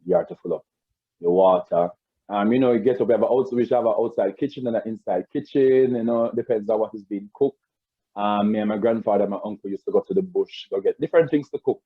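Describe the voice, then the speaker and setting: Growing-up stories come from a man with a Jamaican accent, his lowish voice edged with breath, guesting in a casual interview over a video call. The audio is tinny and phone-like with no room sound, and he rambles with frequent restarts and repeated words.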